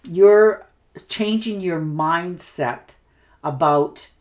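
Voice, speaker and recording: Lady reading tarot cards, kinda low voice, chatty and reassuring, lots of "you know". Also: very slow. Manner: warm reassuring talk with fillers; hiccuping at times. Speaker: tarot reader.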